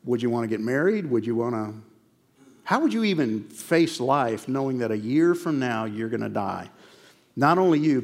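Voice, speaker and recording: Male pastor, sermon, acts out dialogue, church hall, reverberant sound. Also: mid-range voice. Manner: animated storytelling, acts out dialogue.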